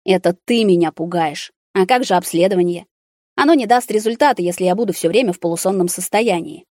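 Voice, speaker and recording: Resentful young man stuck in a ward, sharp and loud in anger, read by a woman with a low, dry voice. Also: a little fast, no room sound, natural voice. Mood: bitter. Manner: sharp, resentful, at times shouting. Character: bitter angry young man confined to a hospital ward.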